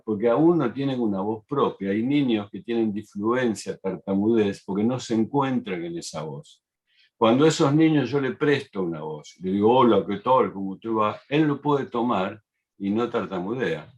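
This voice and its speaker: A middle-aged man. He speaks as a panelist in a measured, explanatory manner and often pauses on fillers as he builds a point. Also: fairly low pitch. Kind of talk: reflective talk.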